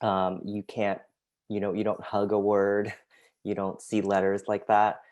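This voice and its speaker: A graphic designer and artist, a man from the United States whose first language was Vietnamese, presents his artwork over a video call in an online talk. His voice is fairly low and completely flat, and he speaks a little slowly. He is soft-spoken and hesitant, filling his talk with many ums.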